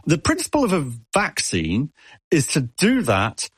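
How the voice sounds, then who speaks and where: A man's voice: on the high side, wildly swooping pitch, unhurried, breathy edge, no room sound. A man answering an interviewer as an expert, explaining with analogies and often stumbling over repeated words. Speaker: expert guest.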